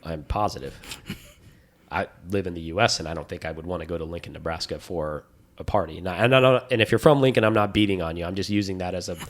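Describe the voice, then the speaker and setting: Deep-voiced and quick-talking, this podcast co-host rambles with enthusiasm through a casual chat, animatedly telling stories.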